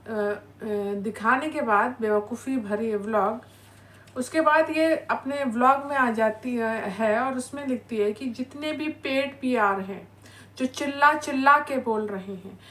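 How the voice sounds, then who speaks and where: A woman's voice: fairly high pitch, fairly bright tone. A woman hosting a reaction video, ranting angrily and scolding her target, with frequent "है ना" tags. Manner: scolding, insulting, repeated "है ना" tags. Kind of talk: angry reaction rant.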